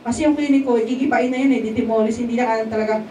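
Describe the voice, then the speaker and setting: A woman's voice: on the high side, fairly even intonation, racing, warm tone. A woman from the Philippines giving a testimony at a church service in a casual, conversational way, often asking the congregation to agree. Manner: keeps checking in with the congregation. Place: church hall at a worship service. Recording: echoey hall, voice picked up from a distance, faint background noise.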